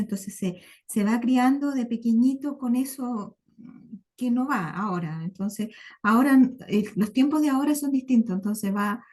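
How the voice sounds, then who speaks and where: A woman's voice: mid-range voice, warm tone. A woman student answering a question in an online class, hesitant and restarting her words often.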